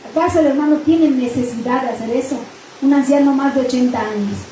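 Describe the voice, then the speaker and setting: A woman's voice: sits high, fairly quick, dark tone, a little hiss or hum. A woman pastor preaching a sermon, retelling a story with quoted dialogue and repetition, recorded in a church hall. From Mexico.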